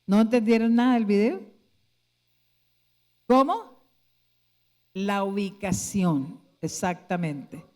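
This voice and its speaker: Her voice is medium-pitched and darkish, delivered slowly with frequent pauses. Preaching in a church hall with a long reverb, this woman pastor puts rhetorical questions to her congregation one after another.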